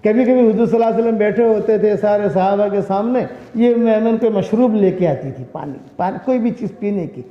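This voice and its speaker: A man's voice: high voice, hardly any pauses. A man from India delivering a sermon as a preacher, telling stories with emphatic, repeated phrases. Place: large hall at a women's religious school. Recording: echoey lo-fi hall recording.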